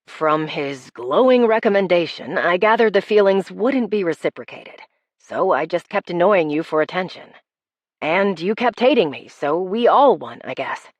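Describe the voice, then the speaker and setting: A woman voicing a teasing young man in an audiobook, with a low, quiet, deadpan delivery. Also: moderate pace, no echo, highs cut off. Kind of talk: audiobook character voice.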